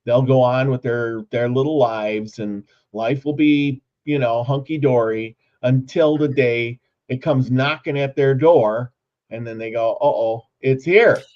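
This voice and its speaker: A man's voice: mid-range voice, unhurried. A man hosting a casual talk show, rambling with lots of fillers and restarts. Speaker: host. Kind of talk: casual podcast chat. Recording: dull lo-fi sound.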